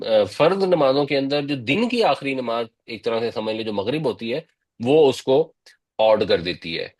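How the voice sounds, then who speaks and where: A man's voice: mid-range voice, lively intonation, darkish tone. Man patiently explaining a religious lesson. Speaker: Quran teacher.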